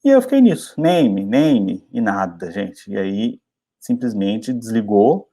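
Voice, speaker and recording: A middle-aged Brazilian man teaching English by telling stories about his own early struggles, in a chatty, animated way. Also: unhurried. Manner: chatty, animated storytelling with lively pitch jumps. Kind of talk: storytelling English lesson.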